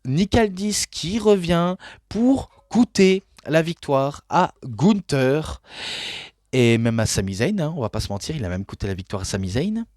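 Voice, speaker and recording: A man's voice: on the high side, sing-song, unhurried, a little mellow, dry recording, studio quality. A French-speaking man hosting a casual spoken review of a wrestling show, rambling with frequent hesitations, fillers and restarts.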